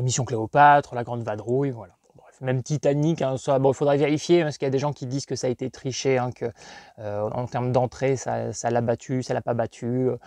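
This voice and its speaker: A man's voice: mid-range voice, mellow, no echo. Rambling man with a dry sound. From northern France. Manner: rambling, digressive, hesitant with many fillers. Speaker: collector vlogger. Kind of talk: casual chat.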